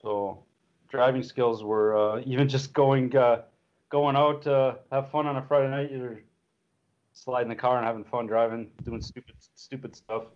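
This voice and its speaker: A man in his fifties, a rally driver, telling stories in a relaxed, chuckling way. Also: mid-range voice, moderate pace. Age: 50s. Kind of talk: casual storytelling. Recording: dull lo-fi recording.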